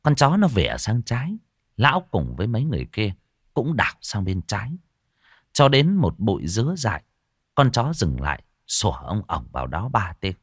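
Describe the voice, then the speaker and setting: A man telling a ghost story. His voice sits low but moves with a lively, animated pitch. The recording is close and dry. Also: moderate pace, slightly rough, no echo. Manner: lively, expressive narration.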